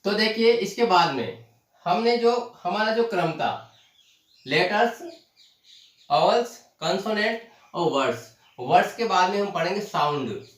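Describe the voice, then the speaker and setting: A man teaching a lesson, explaining terms slowly, repeating them and asking the class questions. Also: high voice, animated, a bit bright. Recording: echoey room, voice from far off the mic.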